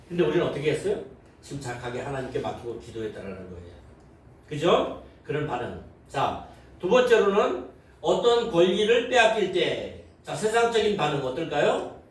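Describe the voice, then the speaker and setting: A male pastor with a fairly high voice preaches in a large, very echoey sanctuary, heard from some distance. He quizzes the congregation as he goes and slips into short acted-out voices to show worldly reactions. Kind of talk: sermon. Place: church sanctuary. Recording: very echoey hall, voice from far off, faint noise.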